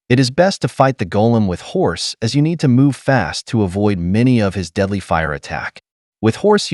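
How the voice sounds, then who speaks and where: A man giving scripted game walkthrough narration, explaining steps in a steady, instructional way. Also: lowish voice, dry recording, clean studio sound.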